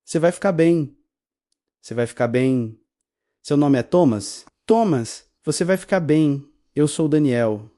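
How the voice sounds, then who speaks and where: A man's voice: a little high, animated, a little slow, mellow, dry recording, studio quality. A man voicing a grown man who rescues a freezing street child, pleading and tender, in a Brazilian accent, in a storybook reading. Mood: tender soothing.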